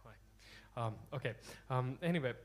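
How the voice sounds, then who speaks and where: A man's voice: medium pitch, normal speed. A young Latvian man chatting with the audience between songs on a theater stage, hesitant and self-deprecating with many ums, into a stand mic. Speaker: singer-guitarist. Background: guitar.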